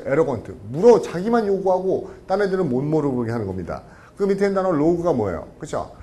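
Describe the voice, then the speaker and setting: A man giving a lively vocabulary lecture, often asking the class rhetorical questions and acting out short scenes. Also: on the high side, a little hiss or hum. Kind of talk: lively lecture with acted anecdotes.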